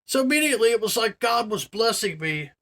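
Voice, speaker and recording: A man's voice: high-pitched, expressive, a little fast, fairly bright tone. A man in his forties rambles through a casual video monologue in a slightly raised voice. He leans on fillers like "you know" and "man" and stresses his points with earnest wonder. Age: 40s. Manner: chatty, filler-heavy, says "man" and "you know" a lot; earnest, marvelling emphasis. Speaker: vlogger.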